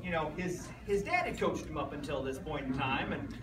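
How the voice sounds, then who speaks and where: A man's voice: a little high, lively intonation, brisk, background noise. A middle-aged American man, a youth football coach, gives a rambling, anecdotal speech honoring a player, recorded from a distance in a roomy space. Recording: roomy, distant mic, loud music behind.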